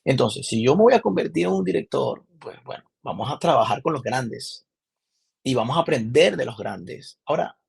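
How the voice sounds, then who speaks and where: A young Venezuelan man with a Maracaibo accent, a podcast guest chatting casually and telling animated stories with many restarts. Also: medium pitch, moderate pace, gravelly, breathy edge. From Venezuela, Zulia. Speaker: podcast guest, film director. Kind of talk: casual interview chat.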